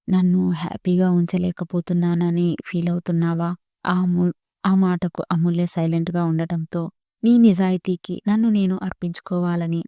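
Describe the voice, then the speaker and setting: A woman narrates a romantic story in a steady reading voice, speaking every character herself. Her voice sits low and gravelly with a mellow, dark tone and little rise and fall. The recording is close and dry, with no room sound. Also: no room sound.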